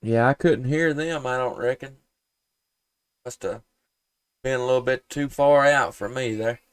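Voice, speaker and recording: A Tennessee man with a Southern US accent chats casually and makes calls as an amateur radio operator, folksy and polite. His mid-range voice is clear and resonant, and he takes his time.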